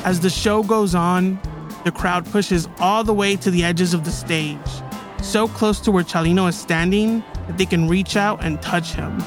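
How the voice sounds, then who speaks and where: A man's voice: high-pitched, steady tone, moderate pace. A man hosting a podcast, telling a true story in scripted documentary narration. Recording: music bed behind the voice.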